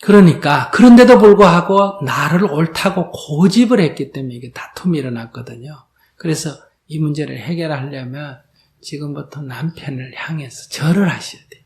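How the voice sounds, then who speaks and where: A man's voice: fairly high pitch, normal speed. A man, a Buddhist monk, giving a question-and-answer dharma talk to an audience, asking rhetorical questions and acting out quoted dialogue. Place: lecture hall before an audience.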